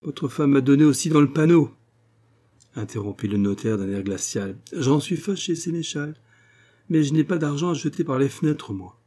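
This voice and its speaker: A man's voice: mid-range voice, lively intonation, moderate pace, mellow, voice pushed up, close to an everyday voice. A man voicing a cold, sarcastic small-town notary in an audiobook, speaking in an icy, cutting, ironic tone. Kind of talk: audiobook character reading.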